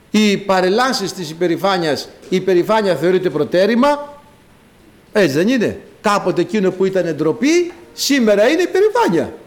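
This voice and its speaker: Greek Orthodox-style preacher, animated and high. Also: male voice. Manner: dramatic, acts out quoted voices with big pitch swings; addresses the congregation as brothers. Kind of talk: sermon.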